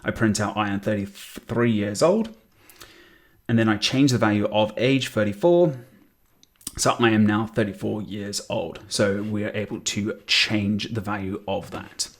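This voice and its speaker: Man, 30s, programming tutorial, low voice, thinks aloud, self-correcting, typing in background. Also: a little slow. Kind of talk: screen-recorded coding tutorial.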